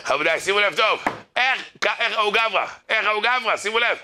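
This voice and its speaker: A man's voice: high voice, noisy background. A man giving a humorous religious lecture to an audience, telling stories, acting out the people in them and urging his listeners to pay attention. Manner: lively storyteller who acts out others' voices and jokes; addresses the crowd directly, urging them to listen. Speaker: rabbi giving a Torah class.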